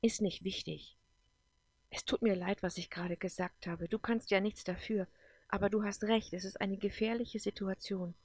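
A woman's voice: mid-range voice, steady tone, normal speed, slightly rough, dry recording. A woman voicing an emotional, defensive female leader in an audiobook, talking heatedly and then apologetically. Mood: focused.

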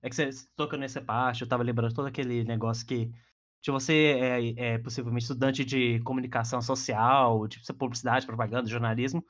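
A man's voice: mid-range voice, steady tone, fast talker, fairly bright tone. A man with a Brazilian accent hosting a podcast in a casual, chatty style. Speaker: podcast host.

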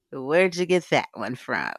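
A woman's voice: low-pitched, no room sound. A woman hosting a casual live audio chat, frank and swearing freely, laughing often. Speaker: livecast host.

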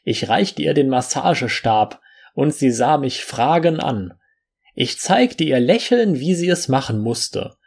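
A man narrating a first-person story as an audiobook, reading in an unhurried way with small slips and restarts. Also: medium pitch, sing-song, gravelly, darkish tone, breathy edge.

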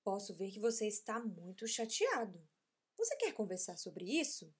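A woman voicing a patient, gentle mother in a children's story, speaking in a soothing, coaxing way. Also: medium pitch, very animated, moderate pace, slightly rough.

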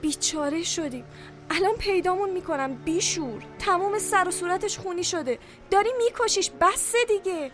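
An actress plays a frightened young woman caught up in a crime in an audio drama. Her voice is extremely high, pleading and remorseful. Music sits softly behind it. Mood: panicked. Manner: anguished, protesting.

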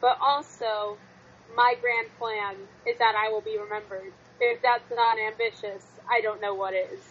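A woman's voice: fairly high pitch, measured pace, highs cut off, a little hiss or hum. A woman chatting casually as a guest in a fan discussion.

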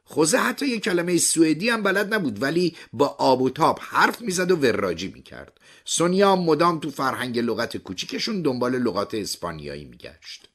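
Husky male audiobook narrator, low and animated. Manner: expressive storytelling with lively pitch swings. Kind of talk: storybook narration.

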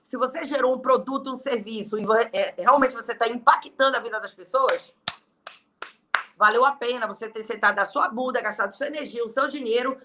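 A woman's voice: fairly high pitch, brisk, bright, forceful tone, a little hiss or hum. A middle-aged woman with a Brazilian Portuguese accent, a guest giving blunt, emphatic motivational talk in an interview. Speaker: guest, entrepreneur and online leader.

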